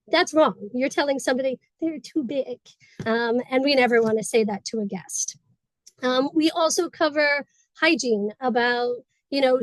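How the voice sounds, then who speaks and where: A woman on a webinar panel, chatty and quick, explaining how she trains staff over a video call. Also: high-pitched, no echo, low-quality recording. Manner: chatty, fast-paced explaining. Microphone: video call mic.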